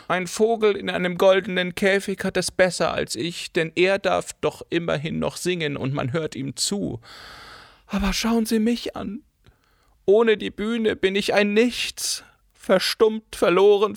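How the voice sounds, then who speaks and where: A man's voice: high voice, gravelly, dry recording, clean studio sound, voice pushed up. A man voicing a melodramatic former stage actress who declaims in a grandiose, self-pitying way in an audiobook. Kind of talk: audiobook character voice.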